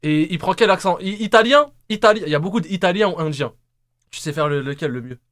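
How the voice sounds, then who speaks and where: A man's voice: high voice, fast, a bit bright, no room sound, clean studio sound. A young man hosting a live stream, teasing his guest and laughing often. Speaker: host.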